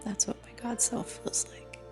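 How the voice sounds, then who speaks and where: A woman reflecting aloud in a halting, personal way with long pauses, recorded dictaphone-style on a phone voice recorder, her breathy voice often trailing off toward a whisper. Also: music in the background. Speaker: solo storyteller.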